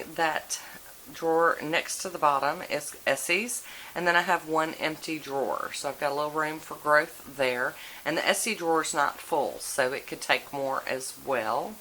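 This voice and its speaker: In a low-pitched, bright and forceful voice, a woman gives a folksy, casual video tour of her nail polish collection. She filmed it handheld inside her home, and the audio is noisy and clicky.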